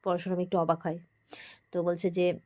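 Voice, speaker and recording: A woman with a Bengali accent casually recaps an episode of a TV serial in a fairly low, darkish, monotone voice at normal speed. Now and then she acts out characters' lines, briefly shifting into a livelier voice.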